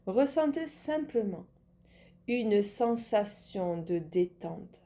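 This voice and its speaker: A woman instructor with a mid-range voice guides a yoga nidra relaxation, giving calm, measured instructions.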